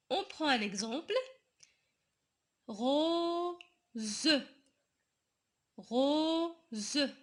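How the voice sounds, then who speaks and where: A woman teacher explaining a spelling rule to young children, addressing them directly and slowly. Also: on the high side, bright, forceful tone.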